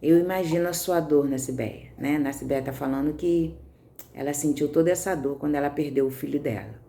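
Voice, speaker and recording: A woman with a Brazilian Portuguese accent delivers a chatty devotional sermon in a low, steady, warm voice at a fairly quick pace. She checks in with her listeners often and replies to their comments along the way.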